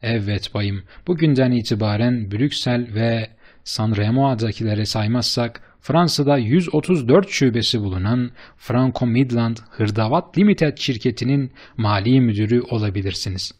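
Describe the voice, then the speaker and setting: A man's voice: medium pitch, moderate pace, lightly acted. A man doing an eager, effusive bearded businessman. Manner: effusive, flattering, emphatic. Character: eager, fast-talking bearded businessman, middle-aged man.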